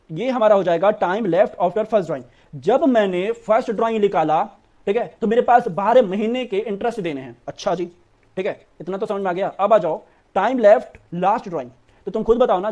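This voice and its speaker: High-voiced, brotherly accounts teacher. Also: male voice, a little mellow, muffled recording. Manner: brotherly, coaxing, repeats "ठीक है" often. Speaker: commerce teacher. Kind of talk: online board-exam lesson.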